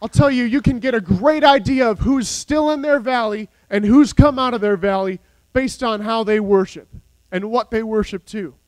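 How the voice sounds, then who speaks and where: A man preaching a sermon, impassioned, swinging between soft asides and shouted peaks. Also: very high-pitched, moderate pace, no echo, low-quality recording. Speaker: pastor.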